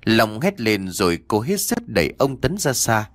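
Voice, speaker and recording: A man narrating a horror story in an expressive, theatrical way. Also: on the low side, normal speed, dry recording.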